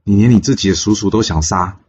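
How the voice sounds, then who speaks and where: Guy doing a solemn old royal uncle, deep husky voice, dull lo-fi sound. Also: quick pace, darkish tone. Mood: grave. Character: old loyal royal uncle, grave and defiant.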